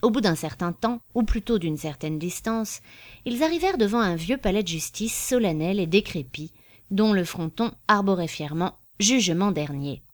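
A woman narrating a story in a measured, expressive reading style. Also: mid-range voice.

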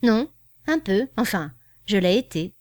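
A woman's voice: mid-range voice, very animated, a little slow, darkish tone, no echo, studio quality. A woman voicing a shrewd female card reader who answers in a curt, knowing way.

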